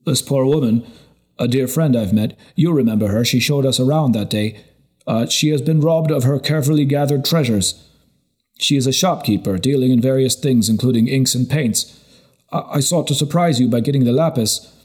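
A man's voice: medium pitch, moderate pace, darkish tone, voice pushed up, lightly acted. A man voicing a tired young monk, weary from drink, who pleads anxiously for advice in a storybook reading. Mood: troubled.

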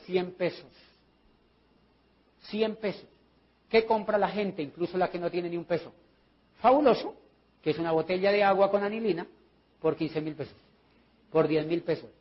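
A Colombian man teaches a sales group, his voice high and raspy. He tells his stories with energy and acts out both sides of each conversation. The recording sounds muffled and lo-fi. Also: normal speed, long pauses. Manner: lively storyteller acting out his dialogues. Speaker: sales trainer. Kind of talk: training talk with anecdotes.

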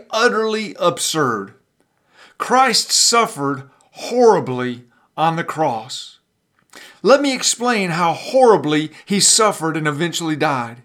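Man, pastor, sermon, high-pitched voice, dramatic pauses, emphatic repeats. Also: a bit bright. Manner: stumbles and repeats words when emphatic.

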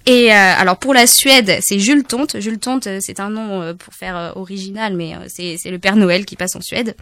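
A woman's voice: mid-range voice, normal speed, fairly bright tone, no room sound. A woman chatting casually in a group talk, hesitant, with many fillers, and laughing at her own slips.

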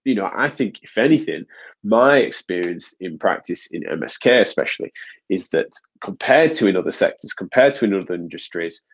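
On a dull lo-fi recording, a British man who hosts a podcast and works as a physiotherapist talks casually in a low voice with a breathy edge. He's animated and a little fast, sounding nasal from a stuffy nose and rambling with many restarts.

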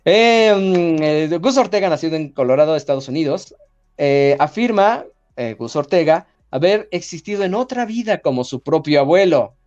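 A man's voice: fairly high pitch, normal speed, dull audio. A man with a Mexican accent hosting a podcast in casual, joking chat and reading out listener comments. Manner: animated, jokey, reads listener comments. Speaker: podcast host.

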